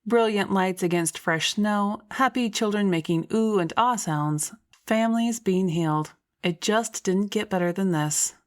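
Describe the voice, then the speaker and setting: A woman's voice: medium pitch, measured pace, hardly any pauses. A woman reading scripted first-person story narration as an audiobook narrator.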